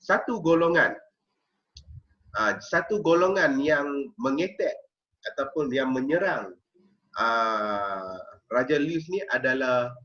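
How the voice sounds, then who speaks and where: Teacher lecturing a class. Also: male voice, mid-range voice, expressive, takes it slowly, a bit bright, lo-fi sound. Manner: explanatory, checks in with frequent "okey?" and "ha?". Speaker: history teacher.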